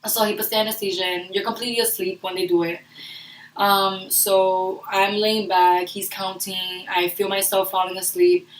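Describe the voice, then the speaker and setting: A young woman telling a personal story in a vlog. She talks in a rushed, earnest way and often restarts her sentences. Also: medium pitch, level tone, slight background noise. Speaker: vlogger. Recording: roomy echo, distant from the mic.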